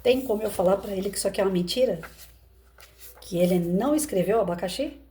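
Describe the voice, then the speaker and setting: A woman's voice: medium pitch, fast, dark tone. A woman with a Brazilian Portuguese accent, an educator talking through a parable in a conversational way and asking rhetorical questions. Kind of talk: reflective commentary on a parable.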